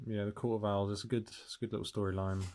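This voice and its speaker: A man chatting bluntly about films as a podcast co-host, swearing casually and trailing off quietly. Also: fairly low pitch, level tone, quick pace, slight background noise. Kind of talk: casual film discussion.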